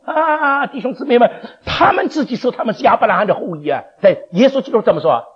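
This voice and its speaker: A man teaching a Bible class, animated, questioning his listeners and chuckling often. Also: very high-pitched, quick pace, breathy edge. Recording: dull lo-fi recording.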